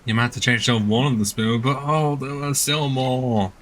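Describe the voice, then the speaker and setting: A man streams a video game, giving casual commentary and reading dialogue aloud in an exasperated, sardonic, nitpicking way. His voice is medium-pitched and a bit bright, with fairly even intonation and a moderate pace.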